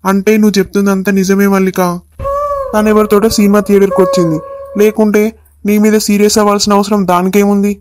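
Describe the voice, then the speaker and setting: A woman voicing a doting, quick-tempered young husband in a cartoon, coaxing. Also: medium pitch, flat delivery, noisy background, close to an everyday voice. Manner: coaxing, calls his wife endearments.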